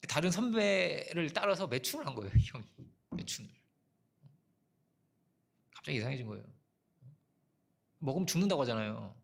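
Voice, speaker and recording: This middle-aged man preaches in a chatty way, telling stories from his own life, asking rhetorical questions, and frequently saying "어?" for effect. His fairly high voice is gravelly and animated, moving at a normal speed with frequent pauses.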